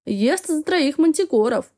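Woman voicing a loud, doting bearded man. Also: sits high, animated, a little slow, pitched above the performer's own voice. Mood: proud. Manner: shouting, scolding and coaxing.

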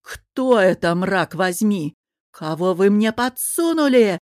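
A woman's voice: fairly low pitch, unhurried, no room sound, studio quality, natural voice. A woman doing a hot-tempered young prince. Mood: furious. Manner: guarded, then bursting into shouting rage. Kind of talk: audiobook character reading.

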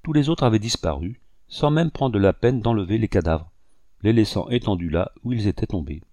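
A man narrating an audiobook in a measured, steady reading style. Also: fairly low pitch, no room sound. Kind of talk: scripted narration.

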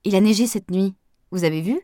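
A woman's voice: mid-range voice, fairly quick, warm tone, dry recording, studio quality, close to an everyday voice. A woman reading as a cheerful, caring young woman. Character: warm, lively young woman, Pascal.

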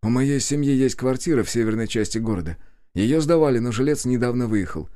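A man voicing a hoarse, talkative young male journalist with a wry, friendly way of talking, pitched well above his own voice. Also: fairly quick, mellow, close to an everyday voice. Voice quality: hoarse, strained higher voice.

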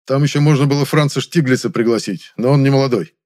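A man voicing a nervous, fussy male official in an audiobook, talking in a hurried, anxious way. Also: medium pitch, a little mellow, pitched above the performer's own voice, close to an everyday voice. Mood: eager.

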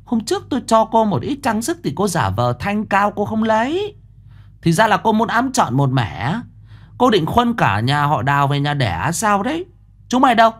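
A man voicing a stern older mother-in-law who barks orders and scolds in a shrill, high voice. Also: big pitch swings, moderate pace, a bit bright. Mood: furious.

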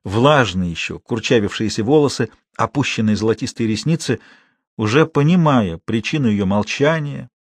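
A man reading a novel aloud in measured, steady scripted narration. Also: medium pitch, no room sound. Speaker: audiobook narrator.

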